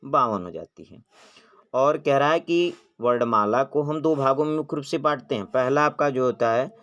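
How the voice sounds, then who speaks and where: A man's voice: medium pitch, a bit bright, lo-fi sound. Man teaching, asking and answering himself. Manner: asks questions and answers them himself; stretches vowel sounds slowly when demonstrating. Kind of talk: exam-prep grammar lesson.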